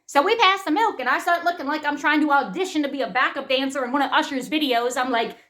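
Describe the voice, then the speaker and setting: A woman comedian telling a story in an animated, profane, punchy way. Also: high-pitched, fast talker. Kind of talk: comic storytelling.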